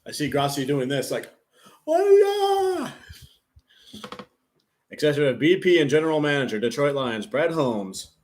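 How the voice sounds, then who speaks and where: A man live streaming a football game, rambling casually with lots of "like" fillers and relaxed play-by-play. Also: on the high side. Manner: rambling, heavy use of "like" fillers.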